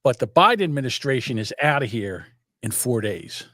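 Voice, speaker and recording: In casual podcast chat, an older South Jersey co-host tells rambling, profane, animated stories. His voice is medium-pitched and moderately paced, and the recording is dry with clean studio sound.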